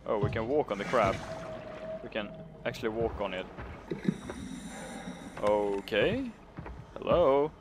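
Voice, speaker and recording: A man's voice: fairly low pitch, animated, slow pace, pauses often, noisy background. A man giving casual let's play commentary, musing hesitantly aloud to himself as he goes. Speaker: gaming video host. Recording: voice-over with loud game music behind.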